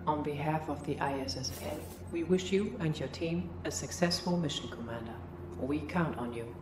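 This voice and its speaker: A low-voiced female computer system speaks with synthetic processing and a formal, measured calm. It delivers scripted game briefings in an echoing space, with music behind it.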